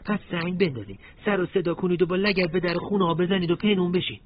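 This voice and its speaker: A man's voice: sits high, dull audio, a little hiss or hum, pitched above the performer's own voice, natural voice. A man doing a fierce Isfahani commander. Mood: commanding. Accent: Isfahani Persian. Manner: barking orders, shouting. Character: bold male commander, reckless and fierce.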